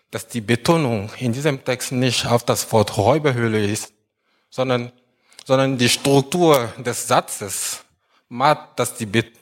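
A man preaching a sermon as pastor, slow and emphatic, often repeating words and phrases. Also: mid-range voice.

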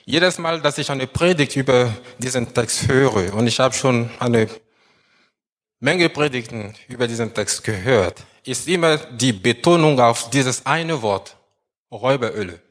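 A male pastor preaching a sermon at a very unhurried pace, voice sitting mid-range. He leans on key words and repeats phrases for emphasis, letting pauses hang. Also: medium pitch, a bit bright. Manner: slow, emphatic preaching with many repetitions.

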